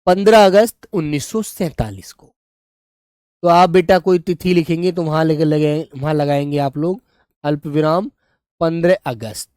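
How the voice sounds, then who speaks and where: A woman's voice: low-pitched, dry recording, clean studio sound. A woman teaching a live online class to young children, patiently drawing out words as she writes them and addressing the class as dear children. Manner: patient, stretches words slowly while writing; calls students "children" and "dear children" warmly.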